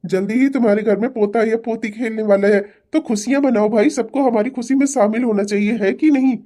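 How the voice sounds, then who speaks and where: A woman's voice: fairly high pitch, fairly quick, dark tone, lightly acted. A woman voicing a preachy old cartoon father-in-law. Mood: cheerful. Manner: scolding, preachy. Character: stern elderly father-in-law scolding his wife. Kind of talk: cartoon family-drama dubbing.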